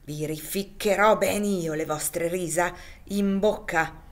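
A woman's voice: on the low side, slow pace. A furious slave trader snapping threats at his men, as a woman reading a novel puts him on. Harsh and irritated, told in a storybook reading. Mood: angry threatening. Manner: irate, threatening. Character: angry slave trader, grown man.

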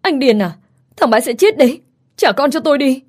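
A woman's voice: on the high side, expressive, fairly quick, dark tone. A woman voicing a desperate young mother, breathless and pleading through tears, in an audio story. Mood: frantic.

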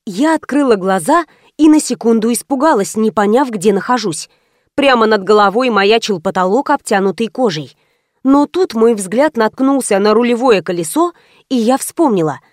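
Женщина читает аудиокнигу, высокий голос. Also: female voice, fairly high pitch, expressive, normal speed, no room sound, studio quality. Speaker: audiobook narrator. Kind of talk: first-person audiobook narration.

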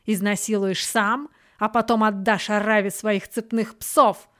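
A woman voicing a bitter, defiant high witch in an audiobook, spitting angry accusations. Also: steady tone, unhurried, a bit bright, lightly acted. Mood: furious.

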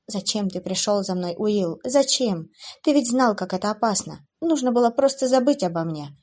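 A woman voicing a young heroine who pleads and shouts in anger and despair for an audiobook. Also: mid-range voice, animated, moderate pace, lightly acted. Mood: grieving.

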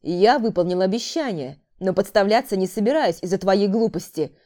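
A woman's voice: medium pitch, lively intonation, moderate pace, dark tone, natural voice. A woman voicing a brutal male killer in an audiobook, harsh and barking insults at his sister. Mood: angry. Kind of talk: audiobook character voice.

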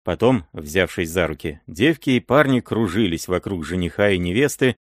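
A man narrating a classic novel as an audiobook, in a measured, expressive way. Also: low-pitched, dry recording, studio quality.

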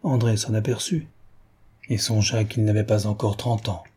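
A man reading a classic novel aloud as narrator, in measured, even storytelling. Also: fairly low pitch, husky. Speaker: audiobook narrator.

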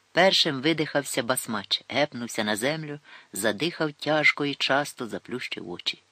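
Lively male audiobook narrator. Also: medium pitch, dry recording. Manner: lively storytelling with dialogue voiced in character. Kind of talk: scripted narration.

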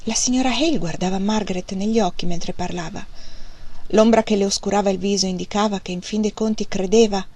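Woman reading a novel, measured. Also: mid-range voice, steady tone, a little mellow. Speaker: audiobook reader. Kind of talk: literary audiobook narration.

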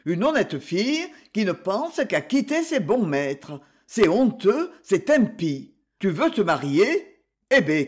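A man reading aloud and voicing an indignant, fussy middle-aged master who scolds his servant in a storybook. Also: high voice. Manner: nagging, indignant.

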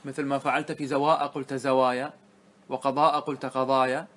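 A man teaching a classroom grammar lesson, often asking his students questions to check they follow, and drawing out words slowly to spell out their forms. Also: medium pitch, flat delivery, fairly bright tone. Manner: checks understanding with frequent questions.

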